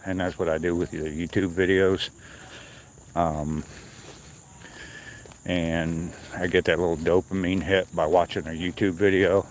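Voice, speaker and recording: A man with a low voice is walking and talking on a trail in the woods. He chats casually to his stream in an unscripted way, pausing as he goes. Faint outdoor noise and insects sit behind him. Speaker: livestreamer on a morning walk. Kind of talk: casual chat to viewers.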